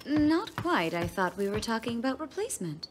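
A woman's voice: on the high side, big pitch swings, normal speed, background noise. A woman playing a composed, authoritative cartoon professor who speaks politely and formally. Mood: official. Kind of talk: animated cartoon voice acting.

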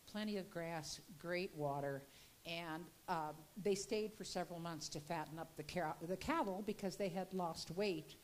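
Holding a handheld mic in an indoor gallery room during a slide presentation, an older woman shares local history in a folksy, chatty way, frequently restarting her words. Her voice is slightly low with a darkish tone, and there's slight background noise.

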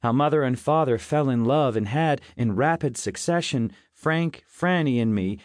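A man reading a novel aloud in first person, in a measured and reflective way. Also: medium pitch, dry recording, clean studio sound. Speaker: audiobook narrator. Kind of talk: scripted first-person narration.

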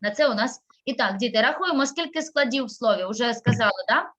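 A woman's voice: a little high, expressive, fast, sharp tone. A woman teaching a primary school class, patiently sounding out syllables and words.

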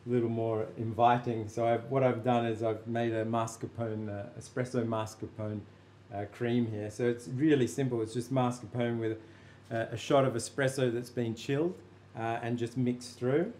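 A man working as a chef, calmly explaining how he made a cream to serve with a cake. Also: medium pitch, moderate pace, hardly any pauses, a little hiss or hum. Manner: relaxed, plain step-by-step explaining. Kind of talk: explaining a recipe.

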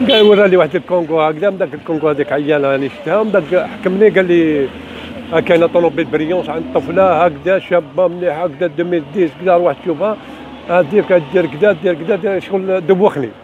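A man's voice: sits high, racing. An older man with an Algerian accent giving an agitated, repetitive spontaneous account of his grievance to a phone camera outdoors. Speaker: member of the public telling his grievance. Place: outdoors on a city street. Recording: dull, noisy street phone recording.

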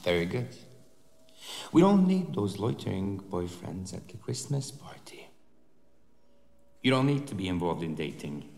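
A sneering, gravelly misogynist boss. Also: male voice, deep voice, very animated, measured pace, pauses often, exaggerated voice. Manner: sneering, berating, swings from hissed whispers to shouts. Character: contemptuous misogynist male boss, middle-aged. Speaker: boss interviewing a secretary.

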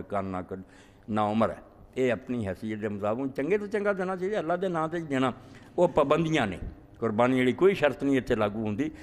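A man giving a religious lecture as a cleric, answering questions with emphatic, scolding rhetorical questions. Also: medium pitch. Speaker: Islamic cleric. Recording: long hall reverb.

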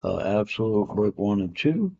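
A lowish, husky voice with vocal fry moves at a moderate pace as a man in his fifties shows off comic books at home. This relaxed collector rambles about his auction win, leaning on "uh," "man," and "I can dig it." The dull, lo-fi home camera audio was recorded in a room with comic art on the walls.

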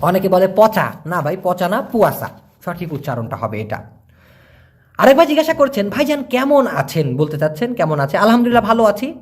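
A man teaching language, answering viewer questions and slowly repeating words for learners. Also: sits high, sing-song.

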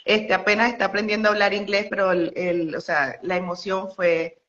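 A woman's voice: mid-range voice, level tone, normal speed, a bit bright, muffled recording. A young woman from Venezuela with a Venezuelan Spanish accent, telling a story as an interview guest with lots of fillers and laughter. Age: young adult. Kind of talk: casual phone interview storytelling.

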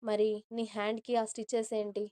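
A woman puts on a stern young man who talks in clipped orders. The voice sits a little high and has a mellow, smooth tone. It is recorded dry and close for an audio story. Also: monotone, brisk, no echo, close to an everyday voice. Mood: curt. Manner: curt, commanding.

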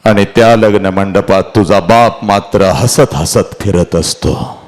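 A man's voice: fairly low pitch, slow, a little mellow. A middle-aged man giving an emotional motivational lecture to a large audience, dramatic and repeating his phrases as he speaks straight to his listeners.

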